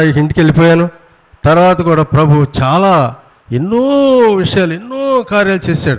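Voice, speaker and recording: A man's voice: a little high, low-quality recording. A man giving an earnest, emotional spoken testimony of his faith. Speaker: testimony speaker.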